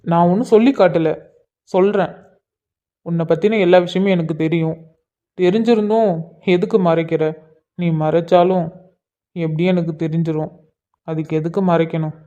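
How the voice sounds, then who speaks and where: A man voicing a gentle, devoted young husband in a cartoon, coaxing and soothing his crying wife. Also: fairly high pitch, steady tone, normal speed, long pauses, muffled recording, close to an everyday voice. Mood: soothing, tender.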